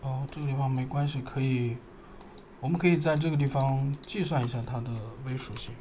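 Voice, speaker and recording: Man talking through a software tutorial. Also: medium pitch, a little hiss or hum. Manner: thinking aloud, halting, pausing while working. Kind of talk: screen-recorded software tutorial.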